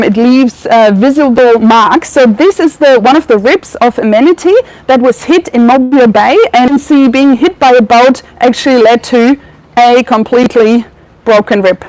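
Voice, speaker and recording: A woman's voice: fairly high pitch, normal speed, a little mellow, no echo, low-quality recording. A young woman from Germany with a German accent tinged with Australian, a research veterinarian giving a chatty public talk full of ums and restarts. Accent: German with some Australian. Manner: chatty, frequent ums and self-corrections.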